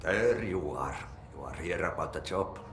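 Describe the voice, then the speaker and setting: An actor playing a cryptic older janitor in a video game, with a Finnish accent and a slow, ominous drawl. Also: male voice, low-pitched, lively intonation, fairly bright tone, slight background noise. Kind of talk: video game character acting. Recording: roomy game dialogue over music.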